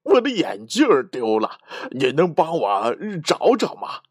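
A flustered hunter who curses, then stammers apologies, his pitch jumping wildly, as a male narrator puts him on. The storybook recording is close and dry. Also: huge pitch swings, a little slow, slightly rough, no echo, exaggerated voice.

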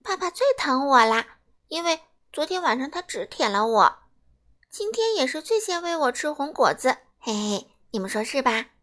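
A woman's voice: high voice, very animated, normal speed, fairly bright tone. A woman doing a smug baby dinosaur. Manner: smug, childlike. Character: small boastful baby ankylosaurus.

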